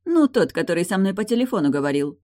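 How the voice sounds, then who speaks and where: A woman's voice: mid-range voice, sing-song, fast talker, dark tone, pitched above the performer's own voice, lightly acted. A woman voicing a bold, mocking captive woman who taunts her captor in an audiobook. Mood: taunting. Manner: taunting, sneering.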